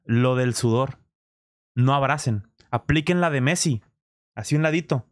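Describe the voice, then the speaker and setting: A man's voice: mid-range voice, a little slow, no echo, studio quality. A man with a Mexican accent, reacting to a clip on stream in casual, slangy talk full of swearing. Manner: crude slang, swearing, animated demonstrations.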